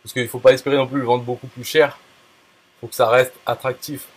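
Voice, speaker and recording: Guy rambling casual, lots of euh and restarts, kinda crude, middle pitch. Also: level tone. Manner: halting, many fillers and restarts, blunt crude slang. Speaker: affiliate marketer. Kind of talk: casual talk to a viewer.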